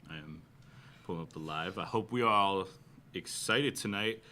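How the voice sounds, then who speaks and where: Bright-voiced man chatting baseball. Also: deep voice, moderate pace, a little hiss or hum. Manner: excitable, laughs often. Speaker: baseball livestream co-host. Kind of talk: casual fan chat.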